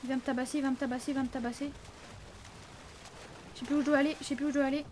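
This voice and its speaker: A woman's voice: high-pitched, flat delivery, very fast, darkish tone, slight background noise. A woman doing casual let's play commentary at a close desk microphone, chatting to viewers and letting out flustered yelps under stress. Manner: chatty, addresses viewers, frequent "hein".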